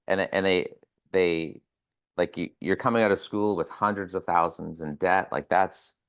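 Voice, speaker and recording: A man's voice: low-pitched, steady tone, moderate pace, a bit bright, smooth. A man, a physiotherapist and educator, guesting on a casual podcast, talking bluntly, swearing and often starting over.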